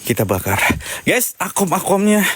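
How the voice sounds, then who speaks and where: A man's voice: sits high, sing-song, moderate pace, breathy edge. A man livestreaming a ghost hunt outdoors at night. He chats to his viewers, recites incantations and asks them to share the stream. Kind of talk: live ghost-hunting stream talk. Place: outdoors at night at a haunted spot.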